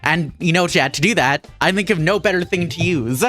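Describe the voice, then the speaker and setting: A woman's voice: fairly low pitch, a little fast, fairly bright tone, faint music behind. A woman from Minnesota with a Minnesotan accent, chatting irreverently with her chat while sewing on a livestream. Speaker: VTuber streamer. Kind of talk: casual craft livestream chat.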